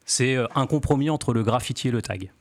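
A man in his forties, a graffiti artist guest on a radio show, explaining slowly with many fillers and restarts. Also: mid-range voice, no echo. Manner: hesitant, many fillers and restarts, laughs lightly. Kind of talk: casual radio interview.

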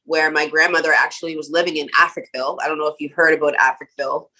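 A woman from Nova Scotia talks casually as an interview guest. Her voice sits low yet sounds bright and forceful. She strings thoughts together with frequent "like" and "um". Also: fairly even intonation, fast, low-quality recording. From Canada (Nova Scotia). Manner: casual, many "like" and "um" fillers, laughs often.

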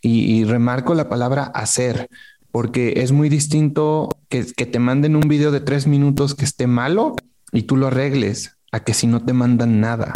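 A man's voice: medium pitch, fairly even intonation, normal speed, mellow. A man with a Mexican accent hosting a podcast, responding casually and building on his guest's points. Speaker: podcast host.

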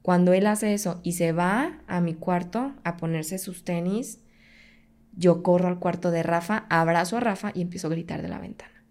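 A Mexican woman speaking as a podcast guest, her voice sitting a little low. She tells a personal story in conversation and voices her past pleas as she speaks. The telling stays intense throughout. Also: normal speed, a little mellow.

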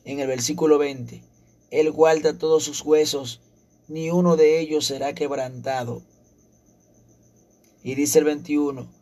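A man's voice: a little high, a little mellow. A man preaching a sermon, fervent and repetitive, often breaking in with short praises.

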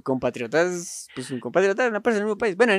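Slangy Colombian man, rather high voice. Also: big pitch swings, racing. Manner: rambling, slangy, laughing storyteller. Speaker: podcast storyteller. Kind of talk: casual chat.

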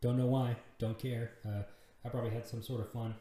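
A man's voice: mid-range voice, flat delivery, a little fast, mellow. A man in his thirties hosting a casual solo podcast, rambling and self-deprecating, swearing freely. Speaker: podcast host. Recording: very echoey room.

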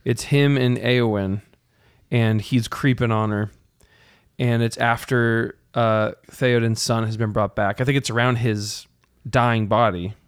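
A man's voice: mid-range voice, fairly even intonation, measured pace, smooth, no echo, studio quality. A man hosting a podcast, chatting casually and enthusiastically about a film and sharing trivia. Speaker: podcast host.

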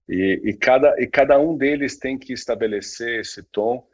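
A man's voice: mid-range voice, normal speed, highs cut off. A man co-hosting a casual talk, speaking with many fillers and restarts. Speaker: podcast co-host. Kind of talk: casual conversation on branding.

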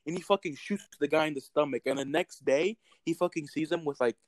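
A man's voice: on the high side, fairly quick, no room sound. Young man telling stories, swearing a lot. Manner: swears constantly, animated storytelling. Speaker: podcast co-host. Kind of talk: casual chat.

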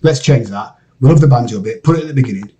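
A Scottish man, a game composer, chatting in an interview, excitable and rambling with many restarts. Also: mid-range voice, fast. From Scotland. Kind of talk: casual interview chat. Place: home studio area, lives in LA.

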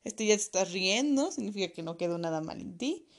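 Woman quoting a calm joking male surgeon. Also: sits high, brisk. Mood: teasing.

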